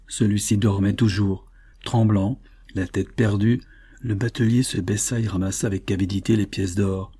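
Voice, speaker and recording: A man reading a classic novel aloud as an audiobook narrator, in a measured, phrase-by-phrase delivery. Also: lowish voice, steady tone, dark tone, slightly rough.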